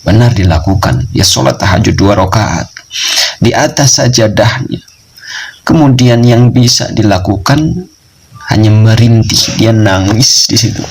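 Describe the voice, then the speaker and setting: Low-voiced man telling a sermon story. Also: moderate pace, a little hiss or hum, low-quality recording. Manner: repetitive, emphatic storytelling, addresses listeners as friends. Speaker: Islamic preacher.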